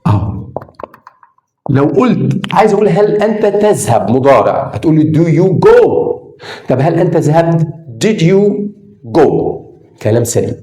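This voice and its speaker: A man with an Egyptian Arabic accent gives a spoken English grammar lesson in a fairly high, mellow voice. He teaches with lively emphasis and stretches words to make a point. The sound is echoey, as if from a roomy space. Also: moderate pace. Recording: echoey room.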